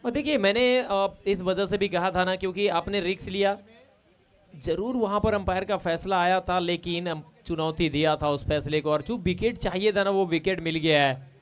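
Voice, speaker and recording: High, crisp male cricket co-commentator. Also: moderate pace. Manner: explanatory, conversational. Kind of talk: live cricket analysis. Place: commentary box at a cricket ground.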